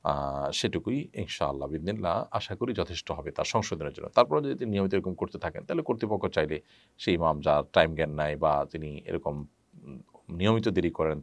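A man with a very low voice and a Bangladeshi Bengali accent answers religious questions sent in by viewers. He speaks in a measured way and often pauses with "ah". The sound is dry and close, with no room echo. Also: animated. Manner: measured, frequent "ah" fillers, reads names then answers. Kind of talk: live Q&A, reading questions and answering.

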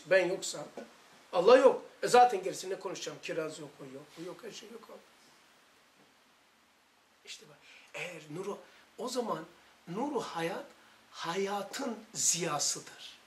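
A man's voice: high-pitched, fairly bright tone. A man with a Turkish accent leading a religious study circle, talking with fervent, emphatic storytelling. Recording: echoey room recording.

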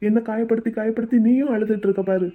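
A woman's voice: on the high side, fairly even intonation, racing, lightly acted. A woman voicing a pleading rich young man. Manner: pleading, tender. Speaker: voice actor. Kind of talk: cartoon drama dubbing. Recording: tinny phone-like audio.

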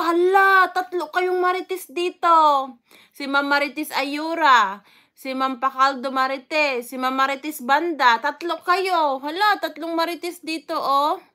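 A chatty Filipino woman hosts a casual live stream, calling out viewers by name between stretches of easygoing talk. Her voice sits high and sounds bright and crisp, and her speech is loose and full of fillers. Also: steady tone, measured pace. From Philippines. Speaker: vlogger greeting live chat viewers.

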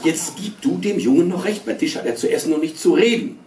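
A man's voice: high voice, brisk, noisy background, pitched above the performer's own voice, lightly acted. A man voicing a stern, fussy mother who scolds her son at the dinner table. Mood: scolding. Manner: scolding, curt. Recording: roomy stage sound from far.

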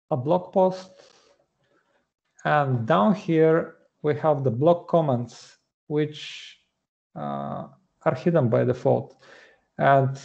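Slow, gravelly man demoing code. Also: mid-range voice, darkish tone, dull audio. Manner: methodical, explanatory, many "uh" pauses. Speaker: front-end developer presenting. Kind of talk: screen-share coding walkthrough.

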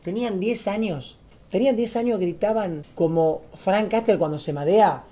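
A young man with an Argentine accent, a streamer telling a story to camera in a fast, slangy, excitable way that gets loud when he acts out scenes. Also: sits high. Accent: Argentine Spanish.

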